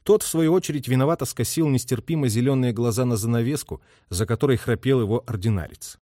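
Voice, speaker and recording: A man reads narration at a medium pitch, steady and even. The voice is dry and close to the mic. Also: fast, no echo. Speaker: audiobook narrator. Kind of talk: scripted narration.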